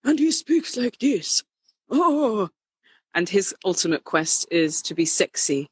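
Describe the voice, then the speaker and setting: A woman voicing a wise, wispy-haired old male kung fu master from a badly dubbed film, speaking slowly and drawn out. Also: medium pitch, very animated, breathy edge, no echo, exaggerated voice. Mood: seductive. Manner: slow, drawn-out delivery, as if dubbed late.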